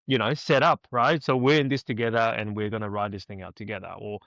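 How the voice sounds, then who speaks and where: A Hong Kong man co-hosts a podcast in casual conversation, his fairly low voice moving fast with no echo. He's animated and emphatic, constantly checking in with "right?", and the audio sounds slightly dull.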